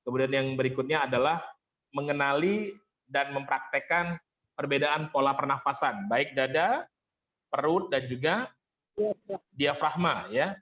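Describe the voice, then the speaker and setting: A man's voice: mid-range voice, unhurried, pauses often, a bit bright. Man coaching on voice, lo-fi call audio. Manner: explains patiently, thanks participants often. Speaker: vocal training coach. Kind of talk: online workshop teaching.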